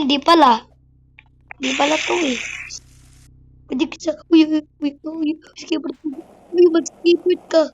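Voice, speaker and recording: A woman giving excitable, chatty commentary on her online game as a YouTuber, full of exclamations. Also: high voice, low-quality recording. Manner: excitable, chatty, code-switching, frequent exclamations. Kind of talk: casual gameplay commentary.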